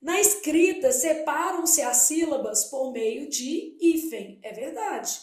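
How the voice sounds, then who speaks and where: A woman's voice: high voice, animated, takes it slowly, a little mellow. A woman teaching a Portuguese exam-prep lesson, posing questions and answering them herself. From Brazil. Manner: explanatory, asks and answers her own questions. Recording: echoey room.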